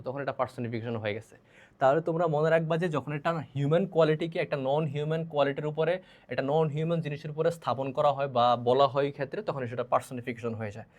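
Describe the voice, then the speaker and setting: Young bangladeshi guy teaching a class, kinda high voice, goes step by step and keeps asking "ok?". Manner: explains step by step, repeating key terms and asking the class "ঠিক আছে?". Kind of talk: classroom lecture.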